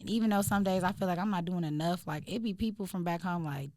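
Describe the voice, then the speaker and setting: Fast-talking low-voiced woman podcaster. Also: mellow. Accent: Southern US. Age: young adult. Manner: earnest, colloquial, reflective. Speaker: podcast co-host. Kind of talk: casual chat.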